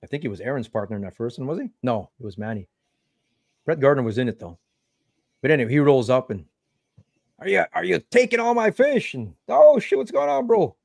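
Animated man telling a story. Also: medium pitch, fairly quick, gravelly, no echo, studio quality. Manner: animated storyteller, acts out quotes. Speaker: podcast host. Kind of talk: casual chat. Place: home room on video call.

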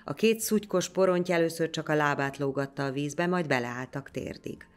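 A woman narrating a folk legend in a measured, scripted storytelling manner. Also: deep voice, smooth.

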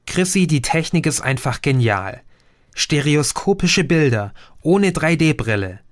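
Male audiobook narrator, unhurried first-person storytelling, dry booth sound. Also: on the high side, sing-song, no room sound. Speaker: audiobook reader. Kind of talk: scripted narration.

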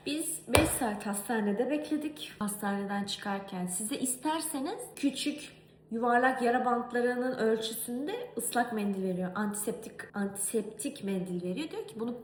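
A young woman from Turkey telling a story in a casual cooking vlog, animated and exasperated. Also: fairly high pitch, moderate pace, reverberant, slight background noise. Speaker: vlogger. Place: home kitchen.

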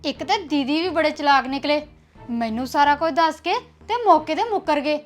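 A young actress playing a headstrong new bride who speaks bluntly and defiantly. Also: female voice, sits high, lively intonation, moderate pace, over loud music. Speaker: actor. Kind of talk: web series drama acting.

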